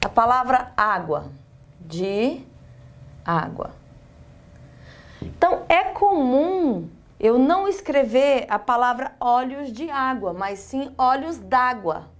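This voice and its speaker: A woman with a Brazilian accent teaching a recorded online lesson, explaining step by step and asking and answering her own questions. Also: high-pitched.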